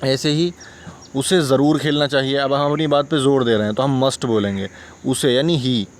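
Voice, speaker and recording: A man's voice: medium pitch, steady tone, moderate pace, a little hiss or hum. A man with a Hindustani accent teaching English grammar, patiently repeating examples and checking that listeners follow. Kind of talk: explaining grammar lesson.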